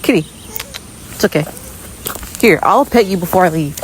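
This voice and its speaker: A woman's voice: lowish voice, normal speed. A woman vlogging outdoors on a rural road, chatting and coaxing animals in a sweet baby-talk voice. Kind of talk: casual vlog walking with animals. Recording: steady outdoor background noise.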